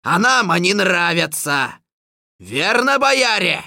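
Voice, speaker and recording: A woman doing Koschei, a gravelly villain king. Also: lowish voice, very animated, takes it slowly, pushed and bright, dry recording, studio quality, heavily acted. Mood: rallying. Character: menacing old male sorcerer king, domineering. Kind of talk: storybook reading.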